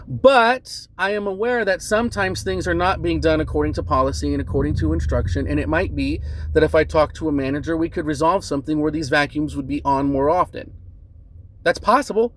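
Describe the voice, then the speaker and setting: A man calmly recounting a bad encounter as a customer, earnest and measured, often adding "right?" and "um". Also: fairly high pitch, slight background noise. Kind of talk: casual spoken account to camera.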